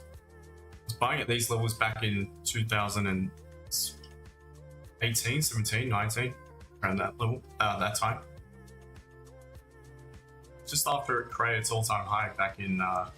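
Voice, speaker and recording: Speaking a little slowly with long pauses, a man with a lowish, steady voice that sounds pushed and bright hosts a live trading stream. He keeps the market talk casual, calls his viewers "mate" and "guys" as friends, and is recovering from a cough and lost voice. The audio has a roomy echo and faint music.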